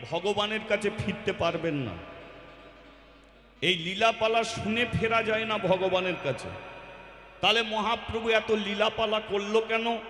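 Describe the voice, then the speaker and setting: A man with a Bengali accent gives a devotional sermon, asking his listeners rhetorical questions, then leads a call-and-response chant. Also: high voice. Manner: preaches with rhetorical questions and acts out homely examples. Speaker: kirtan singer and preacher. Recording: roomy live hall with loud music.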